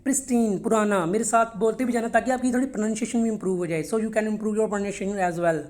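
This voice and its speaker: Speaking quickly in a mid-range, slightly mellow voice, a woman runs a test-prep vocabulary lesson. Each English word gets a Hindi-and-English explanation and a repetition for pronunciation, followed by a check-in of "okay?"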